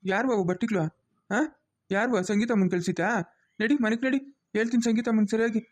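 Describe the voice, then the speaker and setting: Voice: mid-range voice, quick pace, lightly acted. A cartoon voice of a stern, protective middle-aged village father, lecturing bluntly.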